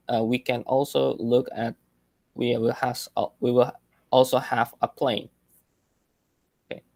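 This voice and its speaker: Creaky-voiced man teaching an online class. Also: mid-range voice, no room sound. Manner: hesitant, checks in with listeners often. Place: video call.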